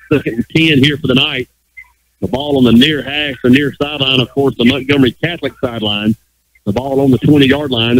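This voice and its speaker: Bright-voiced man calling football play-by-play. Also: mid-range voice, a little hiss or hum, poor audio. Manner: rapid running call of the action. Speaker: play-by-play announcer. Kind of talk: live high school football radio play-by-play.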